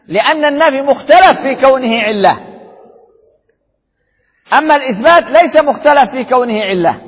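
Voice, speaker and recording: A man's voice: extremely high pitch, a bit bright, breathy edge. A man teaching Islamic jurisprudence in a classroom lecture, who asks rhetorical questions, answers them himself and repeats key points. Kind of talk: classroom lecture explaining a text. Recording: hall reverb.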